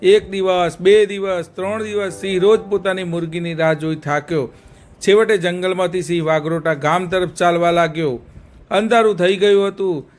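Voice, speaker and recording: A man's voice: high-pitched, fairly even intonation, moderate pace. A male storyteller narrating a children's story and speaking directly to young listeners with a moral.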